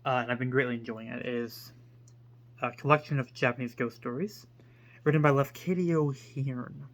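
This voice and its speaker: A man hosting his own book channel, talking casually to the camera in a hesitant, rambling way with many pauses and fillers. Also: mid-range voice, fairly even intonation. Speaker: book reviewer.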